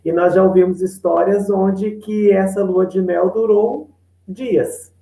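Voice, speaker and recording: A Brazilian man moderating a panel, speaking in a measured, reflective way and often tagging his sentences with questions. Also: sits high, fairly even intonation, creaky, dark tone. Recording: echoey room.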